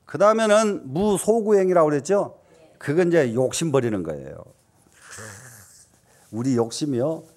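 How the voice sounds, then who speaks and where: A man giving a Buddhist dharma talk, often posing questions to the audience and answering them himself, with emphatic rises and soft dropped asides. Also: on the high side, lively intonation, normal speed, long pauses. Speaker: Buddhist teacher.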